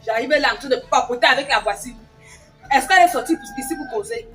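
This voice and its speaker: A woman's voice: sits high, very animated, quick pace, a bit bright, soft background music. A woman playing a harsh, domineering stepmother who scolds her stepdaughter and barks orders at her. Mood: accusing. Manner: barking orders, scolding and contemptuous. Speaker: actress in a family skit. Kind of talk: scripted skit acting.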